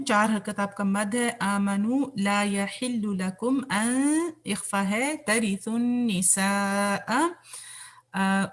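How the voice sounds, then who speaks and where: A woman from Pakistan, teaching tajweed in an online class, reciting verses slowly and correcting pronunciation with quick asides. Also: mid-range voice, fairly bright tone. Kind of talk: tajweed lesson, reciting and explaining.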